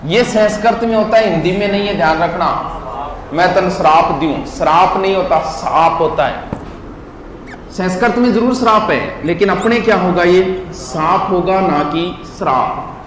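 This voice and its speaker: A man's voice: high-pitched, moderate pace. A man, teaching in a classroom lecture and drilling words syllable by syllable while quizzing his listeners. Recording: echoey hall with faint noise.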